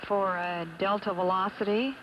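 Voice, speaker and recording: A woman giving live launch commentary from mission control in a halting, hesitant way. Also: medium pitch, fairly even intonation, highs cut off. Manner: hesitant, halting with many pauses. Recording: noisy mission control broadcast feed.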